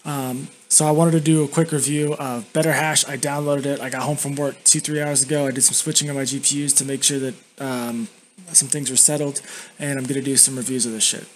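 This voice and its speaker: A young man giving a casual, blunt, sweary software review, talking with tobacco dip tucked in his lip. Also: medium pitch, little pitch movement, brisk. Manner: talks with a lip full of dip. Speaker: YouTube reviewer. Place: indoors at a home computer. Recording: constant background noise.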